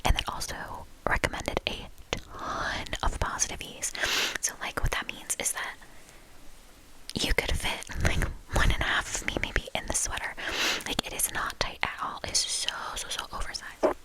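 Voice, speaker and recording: Casting: female ASMR host, fully whispered, casual and rambling, softly repeating words. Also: normal speed, poor audio. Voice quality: soft, unvoiced whisper. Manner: lingers on and repeats soft words. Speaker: host of a knitting ASMR channel.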